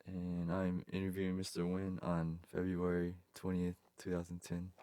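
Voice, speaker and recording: A young man, a student, interviewing an older man, asking hesitant, soft-spoken questions with fillers. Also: low-pitched, completely flat delivery, moderate pace, dry recording. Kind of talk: oral history interview.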